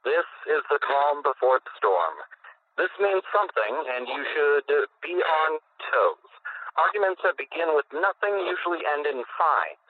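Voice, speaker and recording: A man's voice: a little high, big pitch swings, moderate pace, dry recording. A man radio host reading out a comic list in a dry, explanatory way. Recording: tinny phone-like dry radio audio.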